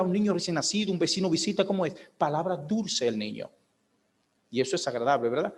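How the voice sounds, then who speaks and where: Male pastor, slightly high voice, preaching a sermon in a hall with long echo. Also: a little mellow. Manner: preaching with rhetorical questions, acting out a baby's and a mother's voices. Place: church hall.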